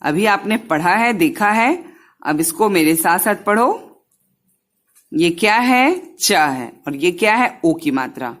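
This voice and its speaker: A woman gives a slow, patient lesson to small children. She sounds out each syllable one at a time and drops English words into her Hindi, in a fairly low voice. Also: lively intonation. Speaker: teacher.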